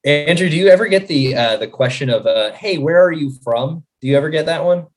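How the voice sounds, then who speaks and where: A man co-hosting a casual podcast, animated and quick to laugh and chime in. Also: a little high. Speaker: podcast co-host.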